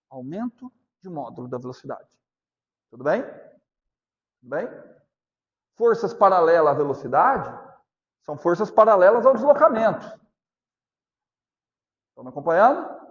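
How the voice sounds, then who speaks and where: Brazilian man teaching physics, lo-fi. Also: sits high. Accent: Brazilian Portuguese. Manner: asks constant check questions, repeats points slowly. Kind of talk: classroom lecture.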